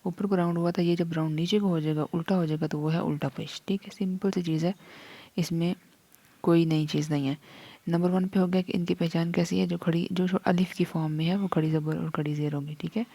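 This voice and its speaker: Patient female tutor, mellow low voice, slow steady drills. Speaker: Quran reading teacher. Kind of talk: online lesson.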